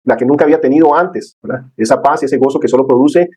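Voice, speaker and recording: A man's voice: medium pitch, fast talker, darkish tone, slightly rough, rough recording. A man teaching a church discipleship class in an earnest, conversational way, checking in with his listeners constantly.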